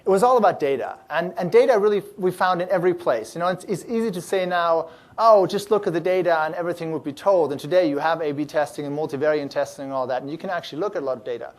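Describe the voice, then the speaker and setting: A man speaking to a live audience at a startup event, pitched a bit higher than most men. He talks loosely and cheerfully, restarting phrases and filling pauses with "um" and "uh" as he tells stories. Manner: many fillers and restarts, animated and upbeat. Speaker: startup accelerator founder giving a talk. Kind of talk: conference talk.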